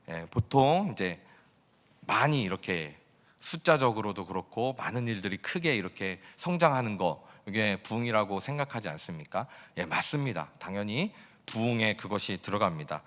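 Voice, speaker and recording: A male pastor preaches a sermon in a chatty manner, often putting questions to the congregation. His middle-pitched voice moves up and down in a lively way. The sound carries the long reverb of a church sanctuary. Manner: conversational, asks the congregation questions.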